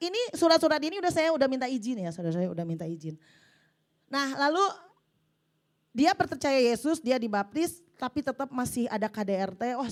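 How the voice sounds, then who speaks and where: A middle-aged woman from Indonesia, preaching in a high, animated voice. She swings between soft storytelling and loud, forceful reading of prayers. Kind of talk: sermon.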